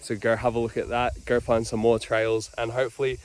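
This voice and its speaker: A man's voice: medium pitch, monotone, a little fast. An Australian man chatting casually to camera outdoors on a camping trip, easygoing and rambling with loose, trailing sentences. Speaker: vlogger on a four-wheel-drive camping trip. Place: outdoors in the bush.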